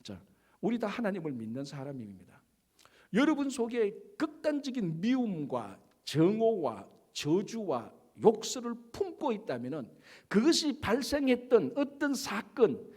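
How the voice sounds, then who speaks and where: A male pastor preaching a sermon, with emphatic delivery, rhetorical questions and slowed stress on key words. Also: sits high, wildly swooping pitch, a little mellow, slightly rough. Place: church sanctuary.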